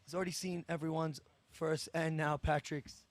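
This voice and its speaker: Male sports commentator, fairly high-pitched, technical play-by-play delivery. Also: fairly even intonation, moderate pace, no echo. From Australia.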